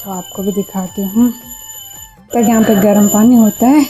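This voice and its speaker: A woman's voice: medium pitch, dark tone, low-quality recording. A young woman chatting casually to her viewers while she cooks at home. She is hot and itchy from the heat and keeps calling her audience "friends". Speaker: home vlogger. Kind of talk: casual home cooking vlog narration. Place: home kitchen. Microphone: clip-on mic.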